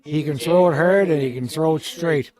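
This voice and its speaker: A man's voice: fairly high pitch, normal speed, darkish tone. A man giving expert analysis on a curling match in an easygoing, explanatory way. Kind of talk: sports commentary.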